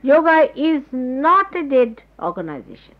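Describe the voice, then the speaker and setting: Woman spiritual teacher, explanatory and unhurried, heard on a lo-fi old tape. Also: sits high, very animated. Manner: explanatory, gropes for words with pauses. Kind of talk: spoken spiritual talk to followers. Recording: dull lo-fi 1979 tape recording.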